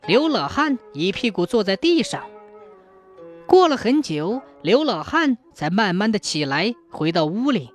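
A woman narrating a ghost story in a measured, suspenseful way. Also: medium pitch, sing-song, soft background music.

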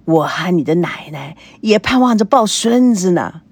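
Lady doing a sweet old grandpa, breathy near-whisper, slow. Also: lowish voice, animated, no room sound. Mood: tender.

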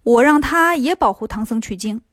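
Woman doing a patient bodhisattva, gently scolding, high and dry, storybook. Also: expressive, normal speed, dry recording. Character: patient motherly female bodhisattva.

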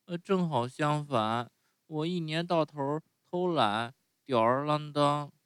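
A man voicing an eager, excitable wooden puppet boy in a high squeaky voice, often starting with a hesitant "uh". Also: slow, clean tone, no echo. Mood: pleading. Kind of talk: bedtime story reading.

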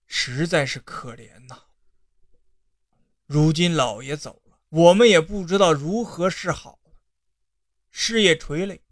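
Lively storyteller with a dry, close sound. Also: mid-range voice, dry recording. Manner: lively, colloquial asides, drawn-out particles.

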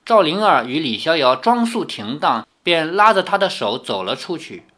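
A man narrating a novel as an audiobook, reading expressively and breaking off for relaxed, chatty asides. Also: a little high, normal speed.

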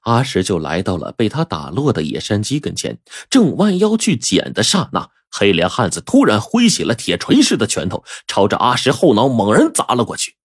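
A man telling a folk tale in a lively, animated storytelling manner. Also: lowish voice, moderate pace, few pauses, slightly rough, dry recording, studio quality. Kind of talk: oral storytelling.

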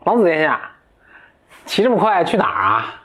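A man's voice: fairly high pitch, wildly swooping pitch, moderate pace, a bit bright, voice pushed up. A man voicing a sly, cheeky male dwarf with magic powers in a told fairy tale, asking mocking, needling questions in a raised voice. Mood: teasing.

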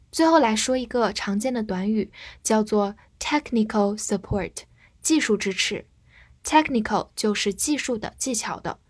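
A woman from China, a native Chinese speaker, teaching English vocabulary with clear, patient explanations and careful spelling. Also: mid-range voice, no room sound. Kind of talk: vocabulary lesson.

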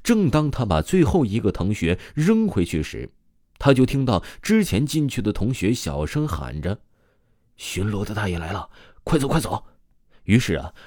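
A man telling a ghost story in a casual, chatty way, with lots of drawn-out particles. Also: fairly low pitch, darkish tone, dry recording, studio quality.

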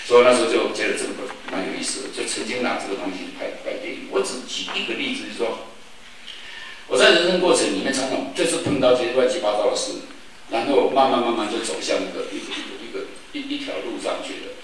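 Fast-talking older man in echoey hall. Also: medium pitch. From Taiwan. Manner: lively storyteller who acts out quoted voices. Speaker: forum speaker. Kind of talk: storytelling public talk. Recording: echoey hall, distant mic, background noise.

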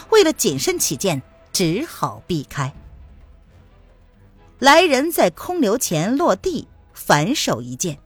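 A woman narrating a martial-arts novel in an expressive storytelling manner. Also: medium pitch, slightly rough.

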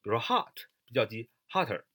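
A man's voice: medium pitch, sing-song, fairly quick, pushed and bright. A man teaching English grammar in Mandarin, spelling words out letter by letter with frequent fillers. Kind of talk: explaining grammar lesson.

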